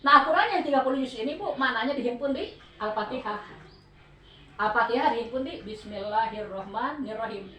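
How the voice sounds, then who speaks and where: A woman with a Sundanese accent, a religious teacher, gives a Quran study talk to a group of women, explaining patiently and often asking them for answers. Her voice is on the high side, a bit bright and a little fast, with lively intonation. The room is echoey and she sounds distant.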